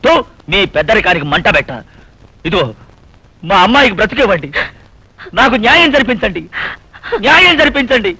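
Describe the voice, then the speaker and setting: A man's voice: on the high side, very animated, a little fast, pauses often, breathy edge, no room sound, heavily acted. A man playing a poor father desperately begging for his daughter's marriage in a dubbed film drama. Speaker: pleading father of the bride. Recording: film soundtrack with loud music.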